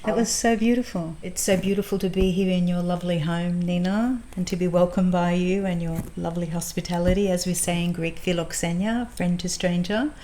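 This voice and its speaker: A woman hosts an interview in a guest's home, asking gentle questions and restarting them as she goes. Her voice sits a little low. Faint background noise runs beneath her. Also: steady tone, a little fast, few pauses. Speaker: podcast host. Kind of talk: interview conversation.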